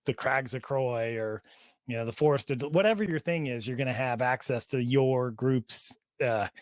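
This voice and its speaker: A man's voice: mid-range voice, moderate pace, dry recording, clean studio sound. A man hosting a fan podcast in casual, rambling chat full of fillers, who laughs easily while showing the audience around an online community. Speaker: podcast host. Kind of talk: casual chat while touring a chat server on screen.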